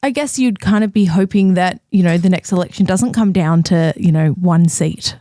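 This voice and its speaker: A woman's voice: lowish voice, moderate pace, warm tone, dry recording. A woman, the show's producer, giving brief easygoing replies in casual banter. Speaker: executive producer.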